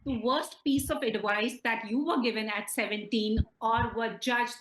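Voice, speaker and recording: In a reverberant room, a woman with an Indian English accent conducts a conversational interview. Her voice sits fairly high. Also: steady tone, moderate pace, fairly bright tone, a little hiss or hum. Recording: echoey room.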